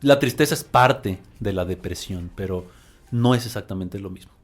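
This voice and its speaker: A man co-hosting a podcast, calmly explaining a distinction to listeners. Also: deep voice, moderate pace, faint music behind. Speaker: podcast co-host.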